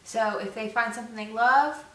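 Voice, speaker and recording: Rambling through a relaxed vlog conversation with plenty of fillers, this young co-host speaks at normal speed in a fairly high, fairly bright voice. The recording picks her up from a distant mic in a room with echo.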